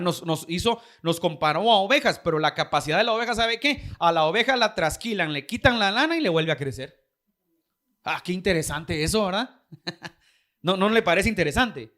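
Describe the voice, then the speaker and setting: Man, pastor, Guatemalan Spanish accent, sermon, high voice, bright tone. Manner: preaching with questions to the congregation.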